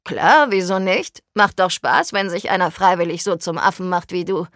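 A woman voicing a cocky, blunt teenage schoolboy in an audiobook, slow and mocking. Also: lowish voice, fairly bright tone, no echo, studio quality. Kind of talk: audiobook character voice.

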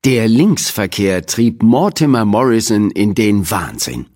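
A man reading a children's audiobook aloud in an expressive storytelling manner. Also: lowish voice, unhurried. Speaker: audiobook reader. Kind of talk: scripted audiobook narration.

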